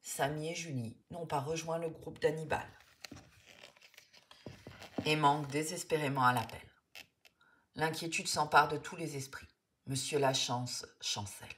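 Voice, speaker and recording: A woman narrating a children's storybook in an expressive, lively way. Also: low-pitched, unhurried, long pauses.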